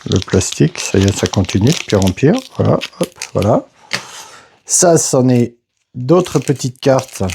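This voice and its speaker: A man talks through a board game unboxing at a slow, halting pace, marking each step with small interjections. His voice sits low, with a gravelly, fried edge. A faint hiss of noise stays behind him. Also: warm tone. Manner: slow, hesitant, narrates each step with "voilà" and "hop". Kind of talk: casual unboxing commentary.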